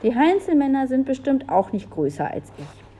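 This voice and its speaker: A woman's voice: mid-range voice, very animated, moderate pace, warm tone. A woman voicing a small, pleading and stubborn little boy in a storybook reading. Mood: defiant.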